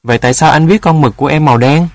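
A man's voice: fairly high pitch, very fast, dry recording, voice pushed up, close to an everyday voice. Man playing an eager, naive little boy. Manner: eager, innocent questions. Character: curious, naive little boy searching for pets.

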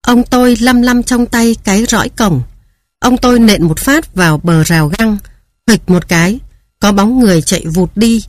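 A woman's voice: mid-range voice, no room sound. Woman reading a story, dry sound. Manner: calm, measured reading. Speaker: narrator. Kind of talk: storybook narration.

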